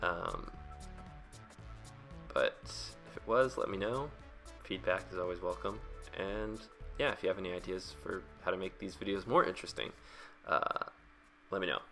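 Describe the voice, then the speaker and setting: Over faint music, a webcomic artist and video creator rambles through a speedpaint voice-over, thinking out loud in a hesitant, self-mocking way at a moderate pace. His low voice sounds bright and forceful, fraying into gravelly vocal fry as phrases end.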